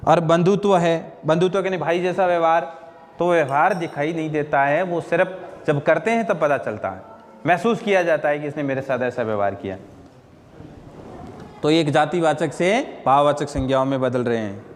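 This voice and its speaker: High-voiced man teaching Hindi grammar. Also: normal speed, in a large hall, a little hiss or hum. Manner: asks and answers own questions, repeats "ठीक है ना?". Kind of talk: classroom lecture.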